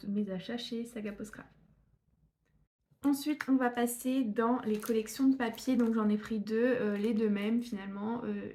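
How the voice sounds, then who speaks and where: A woman's voice: on the high side, warm tone. A woman from northern France chatting through a scrapbooking haul, hesitant with many fillers and restarts. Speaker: scrapbooking YouTuber. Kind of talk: casual haul video.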